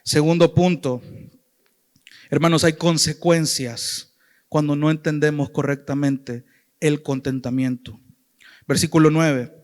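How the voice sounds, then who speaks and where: A man's voice: a little high, fairly even intonation, a little slow, long pauses, darkish tone. A man with a Salvadoran accent preaching a sermon, earnestly addressing his listeners as brother and sister. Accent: Salvadoran Spanish. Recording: long hall reverb.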